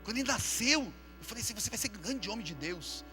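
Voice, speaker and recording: Over music, a pastor preaches a fervent sermon during a live church service, calling out to the congregation and having them repeat after him. His voice is high and animated, and he speaks at a quick pace.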